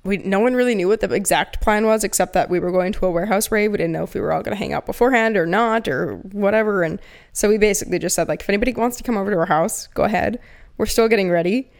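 A young woman co-hosting a podcast, chatting casually and telling animated stories with plenty of swearing. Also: mid-range voice, fast, gravelly. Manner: swears freely, animated storytelling. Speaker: podcast co-host. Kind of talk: casual chat.

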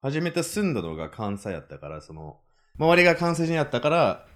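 A young British man, a native English speaker, joins a podcast as the guest. He talks in a playful, lively way, his pitch leaping up and down. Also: fairly quick. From Britain. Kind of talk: casual chat.

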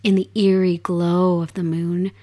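A podcast host with a hoarse, raspy voice from a cold speaks softly and unhurriedly from her home streaming desk. Her pitch is a little low and her tone level, and she takes her time over each phrase, chatting and telling stories as if reading a tale at home.

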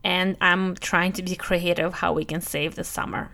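Her delivery is flat, at a moderate pace, with vocal fry and a sharp tone in a fairly low pitch. She is a podcast host and family travel planner in her thirties, running a scripted but conversational solo travel show. European by birth, she came to the US young, and her Russian accent carries some Brooklyn.

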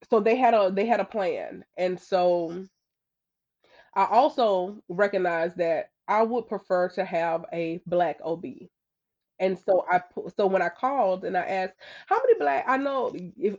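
Earnest woman guest, slightly muffled audio. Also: on the low side. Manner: earnest, animated when quoting others. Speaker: podcast guest. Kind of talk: conversational storytelling.

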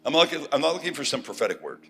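Bright-voiced preacher man in a reverberant hall. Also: a little high, very animated. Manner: speaks in short phrases, pausing for translation, with big swings from loud to hushed. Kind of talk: sermon delivered through an interpreter. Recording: long hall reverb with faint ambience.

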